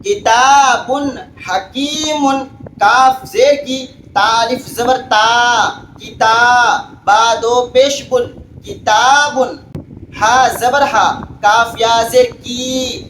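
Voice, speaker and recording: A man teaching Quran reading, spelling each word out letter by letter and reciting it slowly. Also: very high voice, fairly bright tone. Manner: slow drawn-out recitation between quick explanations. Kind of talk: spelling out Quranic words for learners. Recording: echoey room with faint background hiss.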